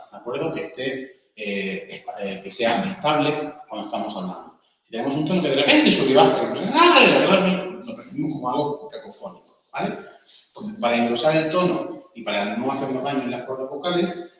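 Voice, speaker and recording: Man lecturing in an echoey room. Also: recorded from a distance. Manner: explanatory, demonstrates pitch exercises aloud, frequent "¿vale?". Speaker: communication workshop instructor. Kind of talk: lecture with vocal demonstrations.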